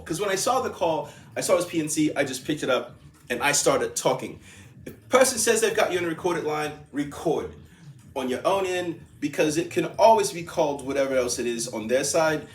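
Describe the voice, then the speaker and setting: A man casually telling a long story, rambling, laughing often and repeating himself. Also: a little high. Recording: echoey room with faint ambience.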